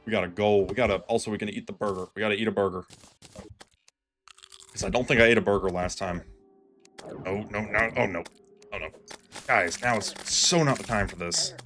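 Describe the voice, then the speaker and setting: Gaming streamer, male, lowish voice, self-mocking play-by-play, faint game music behind. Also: brisk, long pauses. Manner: self-deprecating, excitable, groans and pleads at the game. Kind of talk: live gameplay commentary.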